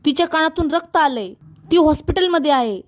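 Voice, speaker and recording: A woman's voice: high-pitched, lively intonation, fairly quick. A woman narrator reading the lines of a scheming young woman who is anxious and defensive, in a plain quoted delivery.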